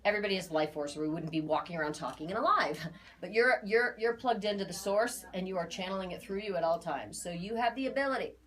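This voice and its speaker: Speaking quickly in a medium-pitched, fairly bright voice, a woman in her forties gives clients an informal aura reading. She's chatty and emphatic, coming back to key phrases again and again.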